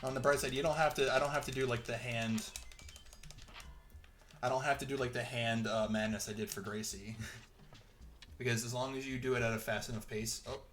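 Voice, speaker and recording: A man's voice: medium pitch, a bit bright. A young man giving rambling, chatty let's-play commentary while he plays, chuckling often. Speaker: gameplay commentator.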